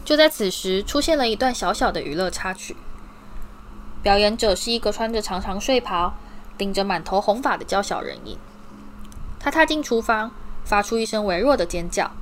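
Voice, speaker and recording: A woman's voice: medium pitch, slight background noise. Woman reading a storybook aloud. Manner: steady, descriptive reading. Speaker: audiobook reader. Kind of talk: storybook narration.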